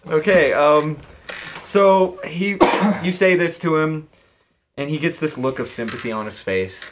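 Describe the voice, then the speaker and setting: Running a tabletop role-playing game for his friends, this game master keeps things informal, joking and crude. His voice sits fairly high and moves at a measured pace. The room is noisy, with clicks audible in the recording.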